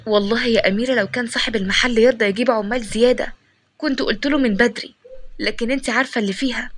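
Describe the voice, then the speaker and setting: A woman's voice: on the high side, lightly acted. A woman doing a chatty Egyptian best friend. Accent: Egyptian Arabic. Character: young woman, loyal chatty friend and shop worker.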